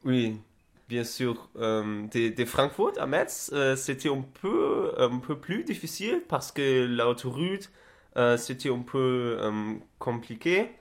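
A young German man talks casually in broken French, with a German accent coloured by Spanish. His delivery is slow and halting, in a medium pitch, and he often repeats words as he searches for the next one. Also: animated. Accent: German with Spanish influence. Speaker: interviewee recounting travels. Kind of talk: casual conversational interview.

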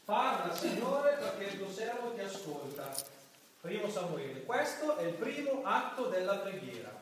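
A man giving a sermon-style talk as a priest, lively, acting out the voices of people praying to mock them. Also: high voice, moderate pace, a little hiss or hum. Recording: echoey church from a distant mic.

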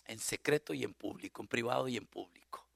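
A man preaching a sermon on marriage as a guest pastor, animated, acting out spouses' lines and shouting for emphasis. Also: mid-range voice, fast, gravelly, no room sound.

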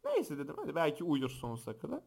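A young man hosting a podcast, telling funny stories and acting out the shouting people in them. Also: a little high, fast, gravelly. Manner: animated, acts out quoted shouts and voices. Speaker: podcast host. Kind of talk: casual podcast storytelling. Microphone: close podcast microphone.

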